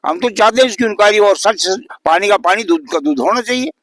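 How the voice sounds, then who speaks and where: An elderly man in his eighties speaks in a higher register than most men. His voice is dry and close, with almost no room sound. He talks earnestly and indignantly, pressing the same complaints again and again. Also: animated, fast, a bit bright, no echo. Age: 80s. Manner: earnest, indignant, repeats points for emphasis. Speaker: local resident interviewee. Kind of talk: news interview.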